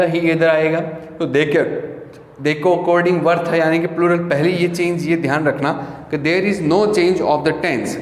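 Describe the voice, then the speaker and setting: Man teaching grammar, slow deliberate dictation, fairly high voice, roomy echo with long reverb. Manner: dictates example sentences slowly word by word, then explains in quick bursts. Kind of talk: classroom lesson. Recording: echoey room with long reverb.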